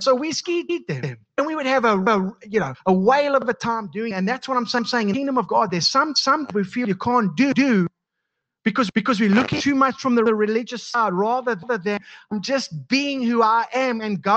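Man, south african accent, high voice, halting, repeats words, pastor preaching, dull lo-fi sound. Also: a bit bright. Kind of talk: sermon.

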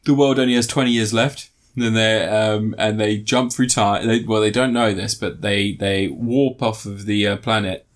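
A man retelling a film in casual chat, rambling, swearing and jumping into high put-on voices for the characters. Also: fairly even intonation, normal speed, hardly any pauses. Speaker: podcast co-host.

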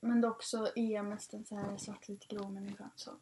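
A woman's voice: mid-range voice, little pitch movement, darkish tone. Young woman, casual chat, talkative, fillers, faint background noise. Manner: chatty, fillers, laughs easily.

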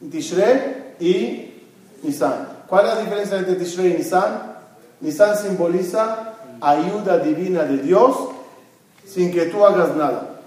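A man's voice: high voice, takes it slowly, darkish tone. Guy teaching a religious class, quizzes the crowd, super echoey room, mic far away. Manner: asks the audience questions and answers them himself; mixes Hebrew terms into his speech. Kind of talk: Torah lesson to a congregation.

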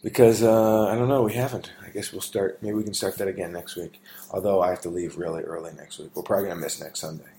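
A man with a very low voice hosts a casual chat podcast. He talks in an easygoing, teasing way, often pausing on ums and starting sentences over. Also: fairly even intonation, gravelly, mellow, slight background noise. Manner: teasing, easygoing, halting with fillers and restarts. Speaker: podcast host and father.

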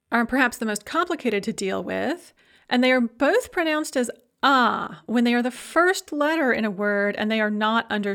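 A woman's voice: on the high side, fairly bright tone. A woman teaching a pronunciation lesson, explaining rules step by step and carefully sounding out example words. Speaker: language teacher.

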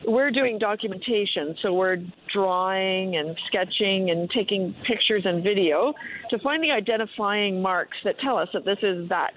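A woman guest in a radio interview, calling in remotely and explaining things in a measured way as an expert. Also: mid-range voice, slight background noise. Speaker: expert guest, explorer and diver. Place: on a dive boat, remote call. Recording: tinny, narrow phone line.

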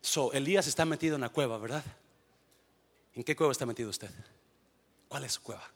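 A Mexican man preaching a sermon with a Mexican Spanish accent, urging the church on, dropping to hushed tones and then shouting, with English phrases mixed in. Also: mid-range voice, fairly quick. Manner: shouts and sings out exhortations, then drops to hushed intensity. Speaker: pastor.

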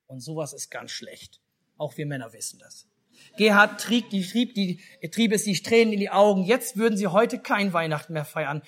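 A man with a German accent telling a children's Christmas story in a church service, speaking lively and asking the children questions. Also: high voice, moderate pace. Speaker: pastor.

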